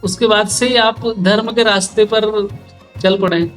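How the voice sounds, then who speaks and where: A man's voice: high-pitched, fairly even intonation, unhurried, fairly bright tone, recorded from a distance, faint music behind. A man hosting a podcast interview, asking questions and giving brief affirmations.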